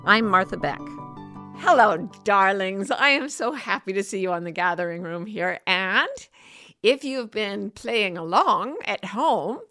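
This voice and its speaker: A woman hosting a casual, personal talk for an online audience, chatty and informal, with an animated, emphatic delivery that addresses listeners familiarly. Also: medium pitch, a little slow, soft background music. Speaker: host of a weekly broadcast.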